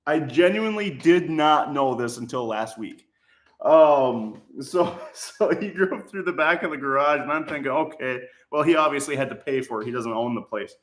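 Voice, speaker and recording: A man with a Minnesotan accent hosting a casual livestream from his workshop, chatting and joking while he builds a prop. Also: medium pitch. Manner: chatty, jokey, often laughing. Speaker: livestream host. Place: home workshop. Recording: echoey room.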